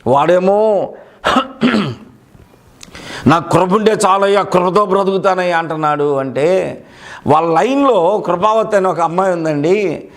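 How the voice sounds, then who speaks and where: A preacher voicing a wry church elder. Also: male voice, sits high, a little slow, pauses often. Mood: knowing.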